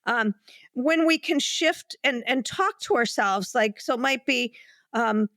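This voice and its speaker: A woman psychologist calmly explaining self-calming techniques as a podcast guest, with many fillers and restarts, at times demonstrating breathing. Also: fairly high pitch, measured pace, no echo, studio quality. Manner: demonstrates breathing while talking. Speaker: clinical psychologist.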